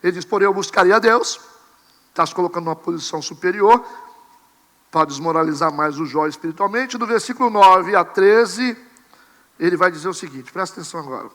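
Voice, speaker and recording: A man preaching a sermon as pastor, animated, acting out his listeners' voices. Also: high-pitched, fairly quick, long reverb tail. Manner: animated, acts out congregants and mimics camera clicks. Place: church sanctuary.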